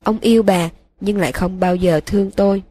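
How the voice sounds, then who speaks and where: A woman reading a broken young wizard's flat confession. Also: medium pitch, brisk, natural voice. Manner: flat, emotionless monotone. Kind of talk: audiobook reading.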